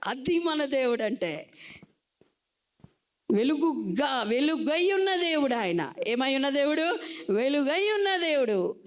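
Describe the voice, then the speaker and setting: A woman pastor with a Telugu Andhra accent preaches with fervent conviction. Her voice sits fairly high and often climbs higher still as she urges her listeners on. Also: big pitch swings, unhurried, long pauses. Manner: preaching fervently, rising to loud high exhortations. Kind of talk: sermon.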